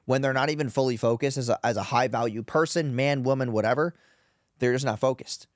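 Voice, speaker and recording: A man with a mid-range voice talks fairly quickly as a guest in a Las Vegas podcast studio, and the recording is dry and studio quality. It's a casual interview chat where he speaks bluntly, swears, and calls his host "dude" and "bro."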